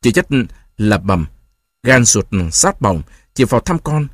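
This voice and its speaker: A man's voice: mid-range voice, big pitch swings, a little slow, dry recording, clean studio sound. A man narrating an audiobook expressively.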